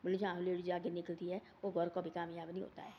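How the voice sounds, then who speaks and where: A woman's voice: fairly low pitch, level tone, quick pace, highs cut off, a little hiss or hum. A woman, telling a moral story in a casual, rambling way and repeating words over and over.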